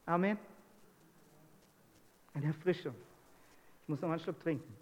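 A man with a high voice preaches a sermon, putting question after question to his listeners. His voice rings out with a long reverb in a church hall. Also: moderate pace, darkish tone, muffled recording. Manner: asks the congregation many rhetorical questions.

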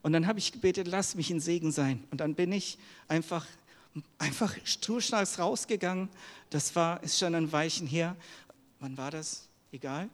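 Middle-aged preacher guy, higher voice, earnest and personal, sermon with long hall echo. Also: normal speed. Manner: earnest, personal, addresses the congregation with questions. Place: church hall.

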